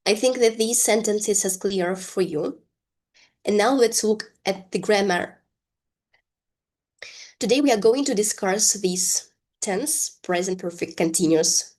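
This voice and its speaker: A woman leads an English lesson at a slow, unhurried pace. She explains each word carefully and repeats phrases so learners can follow along. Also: mid-range voice, darkish tone. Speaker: English teacher. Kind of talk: bilingual language lesson.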